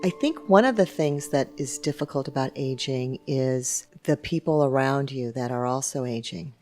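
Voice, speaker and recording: Woman in her fifties, very low voice, measured, matter-of-fact, soft music underneath. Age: 50s. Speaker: attorney and yoga instructor. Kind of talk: reflective interview talk. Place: yoga studio, indoors.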